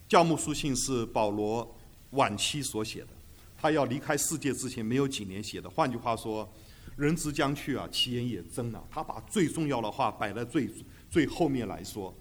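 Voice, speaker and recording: Man, Bible teaching lecture, emphatic, rhetorical, frequent fillers, mid-pitched voice. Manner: drops English terms into speech.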